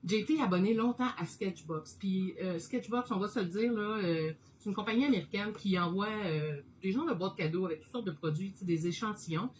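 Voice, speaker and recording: A woman with a Québécois French accent chatting excitedly to her live viewers while she sketches and tries out watercolors, laughing often. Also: mid-range voice, a little fast, hardly any pauses, a little hiss or hum, poor audio. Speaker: host of an art live stream. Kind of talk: casual live-stream chat while painting.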